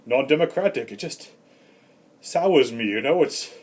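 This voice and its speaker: A man playing a rambling, grumpy old Santa Claus in a comedic vlog monologue, with deadpan, self-important asides. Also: mid-range voice, unhurried, slightly rough. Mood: grumbling. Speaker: comedy vlogger.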